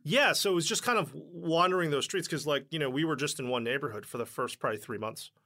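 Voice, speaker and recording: Bright-voiced chatty man telling stories. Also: on the high side, fast, vocal fry. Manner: chatty, heavy with "like" fillers, acts out dialogue. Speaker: startup founder, guest. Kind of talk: casual interview storytelling.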